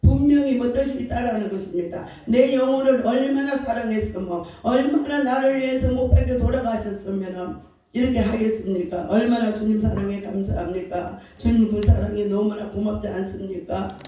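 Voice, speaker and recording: A man's voice: sits high, normal speed, warm tone, a little hiss or hum. A man preaching a fervent revival sermon as pastor, pressing his listeners with repeated rhetorical questions. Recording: very echoey hall, distant mic.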